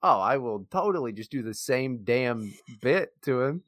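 A young man co-hosting a podcast, chatting casually, swearing freely and joking in an animated way. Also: mid-range voice, dry recording, clean studio sound. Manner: animated, swearing, quick to joke. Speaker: podcast co-host. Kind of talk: casual profane chat.

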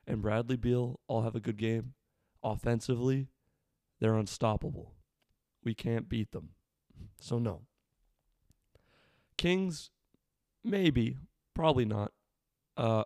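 Male sports fan commentator, casual and off-the-cuff, mid-pitched, slightly worn weathered voice, dry close sound. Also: a little mellow, dry recording.

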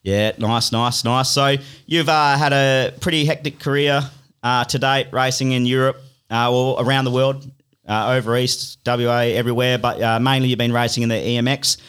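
A man's voice: mid-range voice, steady tone, moderate pace, fairly bright tone, clean tone. A young Australian man hosting a casual podcast while hungover, bantering and interviewing in slangy, laddish, sweary talk. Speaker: podcast host. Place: podcast studio.

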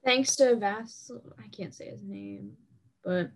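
A young woman chatting casually about hockey with friends, animated and full of fillers. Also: mid-range voice, slow pace.

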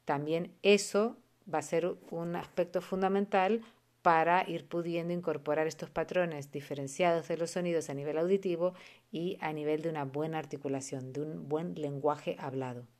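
A woman hosting an educational podcast, calmly explaining how children learn to read and slowing down to recite examples. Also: deep voice. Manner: calm, explanatory, slows down to recite rhymes. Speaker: podcast host and early literacy educator.

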